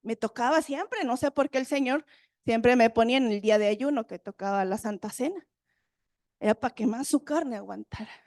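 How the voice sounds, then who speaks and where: Woman preaching, high voice, asks the crowd lots of questions, dry close sound. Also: moderate pace, no echo. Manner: animated preaching with Bible readings and questions to the audience. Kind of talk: sermon.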